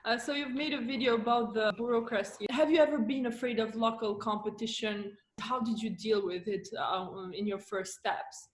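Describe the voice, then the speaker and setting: A woman's voice: on the high side, fairly even intonation, normal speed, hardly any pauses. Albanian-accented woman interviewer, echoey call. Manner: hesitant, many fillers. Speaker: interviewer, business coach. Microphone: video call.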